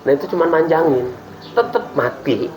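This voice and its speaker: A man who teaches religion, explaining Islamic ideas in a relaxed podcast chat and acting out prayers as he talks. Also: on the high side, moderate pace, music in the background, low-quality recording. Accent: Indonesian. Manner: lively explaining with acted-out prayers and laughs.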